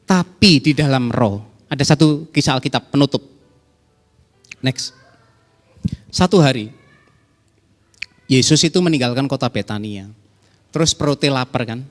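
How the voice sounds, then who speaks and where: A man's voice: medium pitch, a little slow, pauses often. A man preaching a sermon to his congregation in a conversational way, acting out quoted callers in a raised voice. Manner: conversational, addresses the congregation directly. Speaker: pastor. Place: church hall. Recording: reverberant church hall with soft music.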